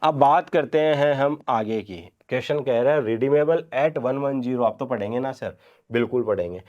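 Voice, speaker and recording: Male commerce teacher in a revision lecture. Quizzes the class and answers himself, dictates entries slowly, word by word. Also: medium pitch, a little mellow, muffled recording.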